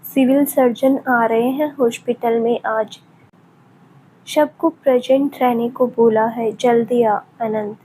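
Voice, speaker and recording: Lady voicing a friendly doctor buddy, kinda high, slow and easy. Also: fairly even intonation, mellow, slight background noise, rough recording. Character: young male doctor, a friendly, brisk colleague.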